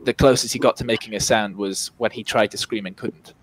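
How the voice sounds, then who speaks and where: Halting man narrating as game master. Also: fairly low pitch, steady tone. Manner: halting, improvising as he goes. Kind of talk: improvised tabletop game narration.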